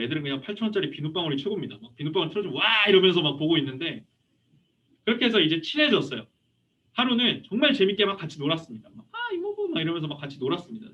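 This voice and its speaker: A man in his thirties, a youth pastor preaching a lively sermon, telling anecdotes and asking the congregation questions. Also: fairly high pitch. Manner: animated storytelling, voicing a child and asking the audience questions. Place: church hall. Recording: muffled, from a distance.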